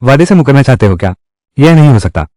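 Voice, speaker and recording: Lively man reading a dubbed drama. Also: mid-range voice, fast talker, dry recording, clean studio sound. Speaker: voice-over reader of a dubbed drama. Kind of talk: reading every character's lines in one voice.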